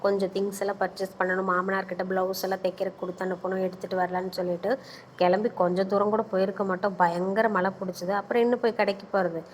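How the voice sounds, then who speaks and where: A woman's voice: medium pitch, flat delivery, quick pace, slight background noise, poor audio. A woman in her thirties narrating a casual home vlog, chatting about family and giving step-by-step cooking tips.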